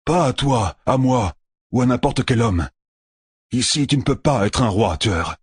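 A soft, calm young lord, as a male narrator puts him on, stern beneath his quiet words in an audiobook. The voice is lifted above the reader's own and keeps a husky grain. The recording is close and dry. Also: mid-range voice, unhurried, dry recording, pitched above the performer's own voice. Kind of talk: audiobook character voice.

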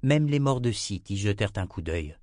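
A man with a low voice reads a fantasy novel aloud, measured and steady. The recording is close and completely dry, with no room around it. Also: no room sound. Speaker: audiobook narrator. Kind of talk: scripted narration.

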